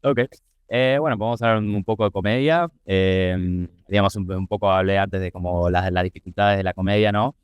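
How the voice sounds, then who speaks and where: A man with a lowish, smooth voice, recorded close and dry. He talks through his ideas slowly, circling back with fillers and restarts as he explains his craft in a casual interview. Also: dry recording. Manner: thoughtful, many fillers and restarts. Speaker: guest comedian.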